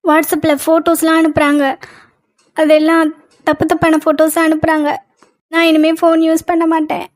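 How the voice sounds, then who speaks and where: A woman voicing a frightened young college woman in a cartoon, pleading in a flat, tearful way. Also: high voice, moderate pace, long pauses, no echo, lightly acted. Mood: scared. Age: young adult. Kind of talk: cartoon voice acting.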